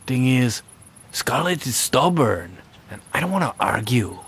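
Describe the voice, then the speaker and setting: A man voicing a vain male movie star in a game who drops Spanish words into his talk, with a husky, gravelly voice. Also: medium pitch, very animated, unhurried, fairly bright tone, full character voice. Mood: lazy boastful. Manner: sprinkles Spanish words, lazy drawl. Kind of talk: game voice acting.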